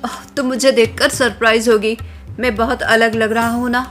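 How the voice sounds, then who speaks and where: A woman's voice: a little high, level tone, moderate pace, soft background music, natural voice. A woman voicing an earnest young male suitor who speaks candidly.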